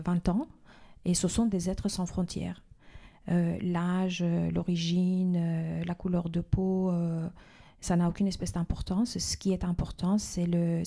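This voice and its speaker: A woman's voice: on the low side, dark tone. A woman in her fifties, from Iran, answering interview questions in a hesitant, reflective way with many fillers and restarts. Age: 50s. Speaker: podcast guest.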